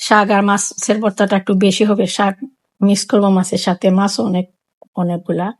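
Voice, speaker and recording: A cooking vlogger from Sylhet, Bangladesh, with a Sylheti Bengali accent, chats her way through a home cooking demonstration. She explains every step and repeats phrases, speaking briskly in a medium-pitched, flat voice.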